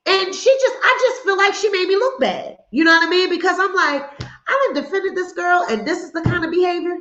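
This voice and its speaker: A high-voiced woman from hosts a casual gossip livestream, sassy and animated. The sound is dull and lo-fi, and it echoes around the room. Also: brisk. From Philadelphia, USA. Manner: sassy, animated, laughing asides.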